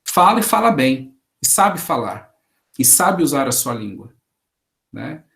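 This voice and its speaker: A man's voice: mid-range voice, sing-song, measured pace, vocal fry, fairly bright tone. Brazilian man lecturing conversationally. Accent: Brazilian Portuguese. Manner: conversational, rhetorical questions, frequent tag "né". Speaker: Portuguese teacher giving a lecture.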